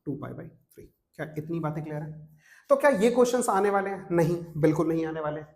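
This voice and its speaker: A young man teaching a maths class at a whiteboard, brisk and coaxing, often checking that students follow. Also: fairly high pitch, darkish tone. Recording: echoey classroom.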